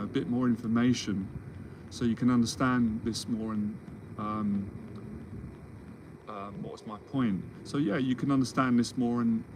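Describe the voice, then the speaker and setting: A confidence mentor in his forties, with a mid-range voice, gives a rambling but reassuring solo Q&A monologue, often restarting his sentences. He speaks through a livestream or video call setup against a noisy background.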